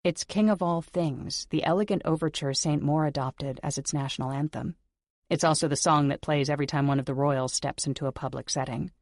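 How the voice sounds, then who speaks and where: A woman reading a first-person audiobook in an intimate manner, sometimes dropping into soft whispers. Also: deep voice, a little fast, dry recording, studio quality. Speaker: audiobook narrator. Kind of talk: scripted first-person narration.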